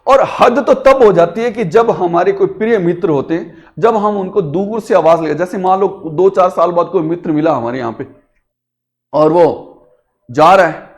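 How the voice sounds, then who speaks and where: A man's voice: high-pitched, normal speed. A man teaching a grammar lesson to students, stretching out syllables and calling out words to demonstrate pronunciation and asking the class questions as he goes.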